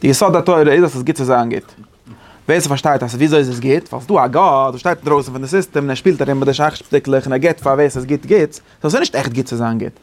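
A man teaching a Torah class in a casual lecturing way, often rising to high emphatic peaks. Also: fast. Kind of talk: Yiddish-flavored Torah class.

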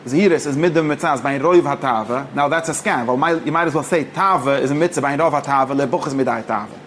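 A man teaching an informal text study lesson, halting and restarting often, mixing languages. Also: mid-range voice, a bit bright, a little hiss or hum. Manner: halting, mixes languages, many fillers and restarts. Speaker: teacher of religious texts.

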